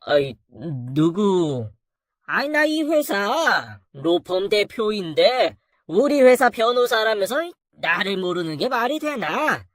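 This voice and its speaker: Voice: medium pitch, big pitch swings, takes it slowly, fairly bright tone, dry recording, studio quality. A narrator playing a haughty law firm boss. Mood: puzzled. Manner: condescending, lecturing. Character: arrogant middle-aged male law firm boss.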